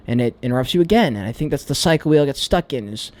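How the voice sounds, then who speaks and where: A man's voice: mid-range voice, animated, very fast, darkish tone. A man vlogging a candid, reflective monologue about himself. He talks in a searching, hesitant way and swears freely.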